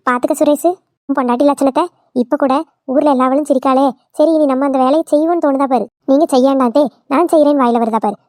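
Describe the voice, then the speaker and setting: Woman doing a scolding old mother-in-law, high quick voice, dry sound, cartoon. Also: steady tone, mellow, no room sound, close to an everyday voice. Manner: nagging, scolding. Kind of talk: cartoon voice acting.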